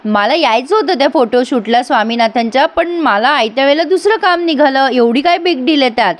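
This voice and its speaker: A woman's voice: high voice, animated, a little fast. A woman reading the lines of a rude, dismissive young woman in a serial recap, talking curtly. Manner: curt, dismissive.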